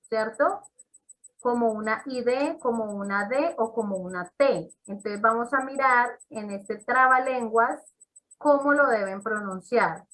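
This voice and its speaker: Her voice has a fairly high pitch and is a bit bright, though the recording is rough. She's giving online instruction in an English class on a video call, walking through things step by step and checking in with students.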